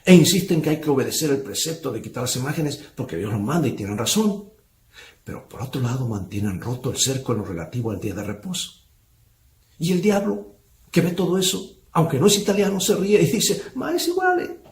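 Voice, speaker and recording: A man's voice: mid-range voice, fairly quick, a little mellow, echoey room, slight background noise. A male pastor preaching a sermon, asking rhetorical questions of the brethren.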